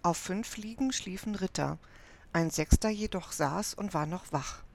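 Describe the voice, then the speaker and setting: Eine Frau, die ruhig und gleichmäßig ein Kinderabenteuerbuch vorliest. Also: female voice, lowish voice, unhurried, vocal fry, darkish tone, slight background noise. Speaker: audiobook narrator. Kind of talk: scripted narration of a children's adventure book.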